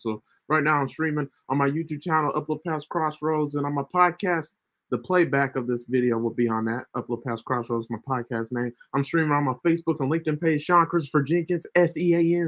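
A man's voice: a little high, a bit bright. A man in his thirties hosting a casual faith livestream, chatty and loose, often tagging his sentences with "right?". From United States. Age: 30s. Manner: chatty, repeats himself, keeps asking "right?". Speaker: ministry livestream host.

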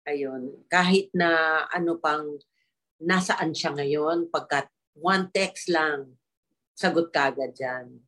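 A middle-aged actress chatting casually as a guest, telling animated stories and laughing often, slipping English into her talk. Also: low-pitched, slow, pauses often. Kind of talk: casual chat in an online interview.

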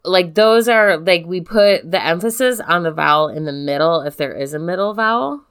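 A woman's voice: fairly low pitch, normal speed, a bit bright, clean tone. A woman co-hosting a casual podcast chat, talking in a loose, filler-heavy way and giggling often. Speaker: podcast co-host.

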